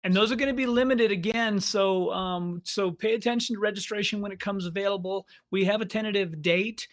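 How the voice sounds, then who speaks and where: A man's voice: sits high, brisk, a bit bright. A man co-hosting a casual podcast, mostly giving brief, agreeable replies. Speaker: podcast co-host. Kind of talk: casual chat.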